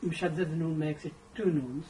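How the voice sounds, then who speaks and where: A man's voice: a little high, steady tone, normal speed, mellow, a little hiss or hum, poor audio. A male student reasoning aloud in class, hesitant and restarting his sentences. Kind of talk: classroom discussion.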